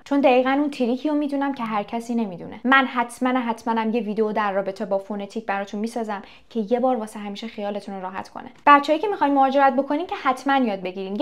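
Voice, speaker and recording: This young English teacher, pitched fairly high, keeps her video lesson informal. She speaks straight to viewers, asks them things, and dramatizes brief anecdotes.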